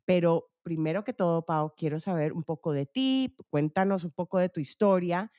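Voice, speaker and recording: A woman's voice: on the low side, moderate pace, mellow, no room sound. A woman hosting a podcast interview, chatty and enthusiastic, with fillers and restarts. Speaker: podcast host. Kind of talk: casual interview.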